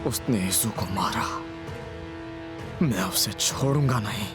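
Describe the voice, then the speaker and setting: A hot-headed young hero, intense and emotional. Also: male voice, on the high side, lively intonation, moderate pace, loud music behind the voice. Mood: vengeful. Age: young adult.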